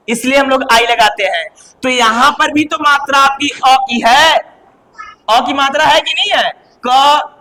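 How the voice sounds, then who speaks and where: A young male teacher addresses his class at full volume, his voice very high and bright. He calls on students and draws sounds out slowly, and the room leaves a long echo behind him. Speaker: English teacher. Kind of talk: classroom lesson to children.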